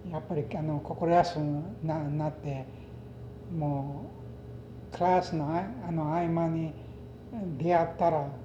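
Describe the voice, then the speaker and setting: A man's voice: fairly high pitch, little pitch movement. Older Japanese dialect man, echoey recording. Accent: western Japanese dialect. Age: older, retired. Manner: halting, anecdotal, mixes in English words. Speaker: oral history interviewee. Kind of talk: reminiscing in conversation. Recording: echoey, muffled, noisy interview recording.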